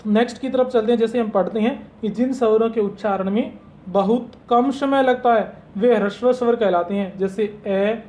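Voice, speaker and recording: A man's voice: sits high, normal speed, a little mellow. A man teaching a grammar lesson in a classroom style. He keeps asking his listeners questions, answers them himself, and repeats each key point.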